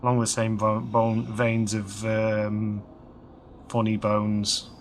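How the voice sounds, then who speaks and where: Guy, 30s, kinda hoarse, low-ish voice, slow chatty gaming commentary, lots of ums, faint music behind. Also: monotone, a little hiss or hum. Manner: rambling, chatty, many fillers and restarts. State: slightly hoarse. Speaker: game let's-play host. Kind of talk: casual gameplay commentary.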